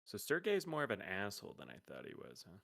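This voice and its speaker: A man's voice: lowish voice, huge pitch swings, fast talker, vocal fry, fairly bright tone. A man playing a tabletop game in casual chat, playful and often laughing. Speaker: player.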